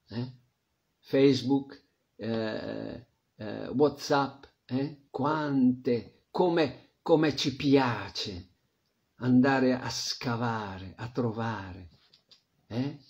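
A man teaching a devotional scripture class, reflective, often trailing off into a soft murmur. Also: mid-range voice. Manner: reflective, drops to a soft murmur at phrase ends. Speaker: spiritual teacher. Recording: dull lo-fi recording.

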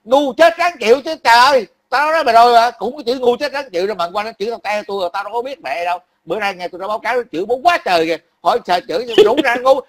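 A man's voice: very high-pitched, racing, few pauses, fairly bright tone. A man, ranting angrily and profanely about politics on a livestream, repeating himself and grumbling that he is worn out. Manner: angry, profane, repetitive ranting. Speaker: livestream commentator. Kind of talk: heated political rant.

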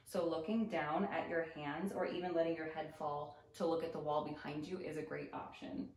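Yoga instructor lady chatting thru tips, lowish voice, kinda echoey. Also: level tone, normal speed, a little hiss or hum. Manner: explanatory, gently cautionary, chatty. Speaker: yoga instructor reacting to videos. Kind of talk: casual commentary.

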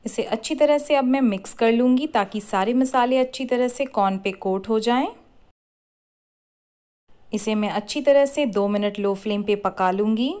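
A woman hosting a cooking channel, giving clear step-by-step recipe instructions in a scripted voice-over. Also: a little high, moderate pace, darkish tone. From India.

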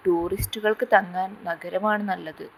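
A woman's voice: mid-range voice, steady tone, normal speed, vocal fry, slight background noise, lightly acted, poor audio. A woman reading a grieving drunk male poet. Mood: wary.

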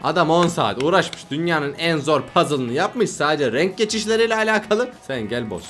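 A man's voice: on the high side, animated, normal speed, a bit bright, faint music behind. A young man giving casual reaction commentary on videos, exasperated and laughing often.

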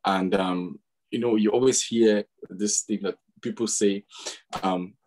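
A man moderating a conference session, asking a question in a halting, hesitant way. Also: fairly low pitch, fairly even intonation, darkish tone, low-quality recording. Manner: halting, many fillers and restarts.

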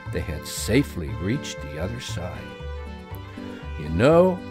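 Man reading a kids story, voice jumps all over the place, soft music behind. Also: medium pitch. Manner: expressive, gently explaining.

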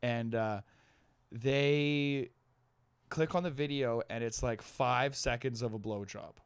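A man's voice: mid-range voice, slow pace, clean tone, no echo. A young man co-hosting a casual podcast, rambling through stories and often checking in with "right?". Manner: rambling storyteller, many "right?" and "you know what I mean?". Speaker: podcast co-host. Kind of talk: casual chat.

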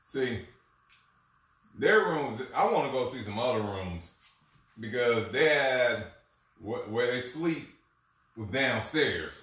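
A man's voice: medium pitch, animated, slow, pauses often, a bit bright. A man streaming a casual chat, rambling through a work story and acting out what people said. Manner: rambling storytelling, acts out quotes. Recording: echoey room, far from mic.

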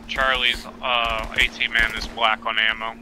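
A man's voice: mid-range voice, flat delivery, unhurried, noisy background. A man giving terse squad status reports over an in-game voice radio. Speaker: squad member.

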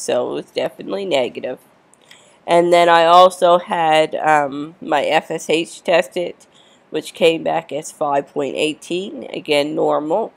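A woman's voice: low-pitched, darkish tone. A woman with a congested, stuffy cold voice, giving a casual, matter-of-fact vlog update. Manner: matter-of-fact, reading out numbers. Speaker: vlogger.

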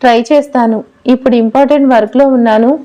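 A woman reading the lines of a tired, distracted young husband in an audio story, in a flat, uninterested tone. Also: fairly high pitch, quick pace, close to an everyday voice. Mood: weary. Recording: dull lo-fi recording.

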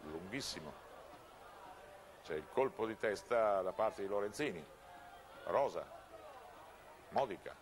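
Guy calling a football match on tv, lowish voice, pretty noisy old broadcast sound. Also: animated, a little slow, pauses often. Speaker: football commentator. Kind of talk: live TV football match commentary. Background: outdoor stadium ambience.

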